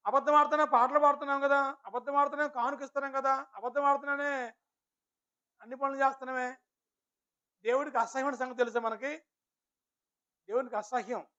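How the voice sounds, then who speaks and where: A man with a very high, bright and forceful voice preaches a sermon. He keeps throwing rhetorical questions at the congregation while addressing them politely. The recording is dull and lo-fi. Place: village church.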